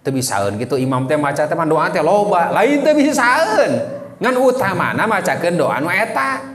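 A male religious teacher with a Sundanese accent delivers a lecture in a high, swooping voice that rises and falls. He keeps throwing questions at his listeners. His voice rings with long reverb through a mosque hall. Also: normal speed. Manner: animated, quizzes listeners with questions. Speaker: Islamic teacher.

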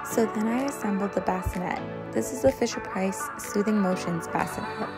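A woman's voice: medium pitch, normal speed. A young woman in late pregnancy, chatting casually as she shows items one by one in a vlog. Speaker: vlogger. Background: background music.

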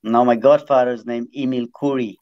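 A man's voice: mid-range voice, steady tone, normal speed, no room sound. A middle-aged man from Trinidad who grew up in Guyana, telling his life story at length as a guest, often repeating words. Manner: rambling, repeats words while recounting. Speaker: guest, former jockey. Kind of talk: casual storytelling on a video call. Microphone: video call. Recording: slightly dull video call audio.

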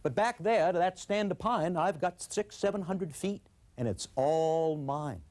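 A man's voice: a little high, animated, a little slow, darkish tone, voice pushed up. A man doing a dry old farmer. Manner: dry, understated. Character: old, proud, dry-witted male farmer.

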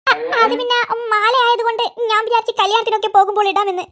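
A performer doing squeaky cartoon family voices. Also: little pitch movement, fast, bright, forceful tone, a little hiss or hum. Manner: squeaky, sped-up cartoon voice bickering in comic quarrels. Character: squabbling cartoon kids and their mother, all shrill and silly.

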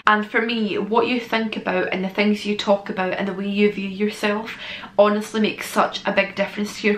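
A woman of around thirty talking casually as an encouraging self-help influencer, sweary and jokey, in a vlog recorded in a bedroom. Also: medium pitch. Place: small bedroom, indoors. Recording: roomy bedroom echo, clear background noise.

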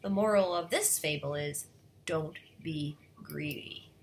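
A woman's voice: sits low, unhurried, vocal fry, slight background noise, poor audio. A woman teacher reading a storybook aloud to students and explaining the lesson. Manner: expressive, explaining.

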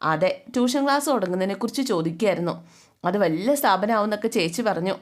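A woman's voice: mid-range voice, expressive, fast, natural voice. A woman voicing an earnest, polite young woman in a retold family serial. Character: earnest young woman starting a tuition class.

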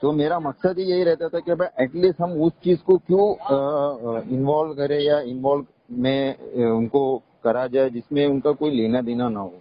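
A man on a phone call, calmly and insistently explaining himself at length. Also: medium pitch, racing, few pauses. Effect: heard over a phone line. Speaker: caller, former company employee. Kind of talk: casual phone conversation. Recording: muffled phone call recording.

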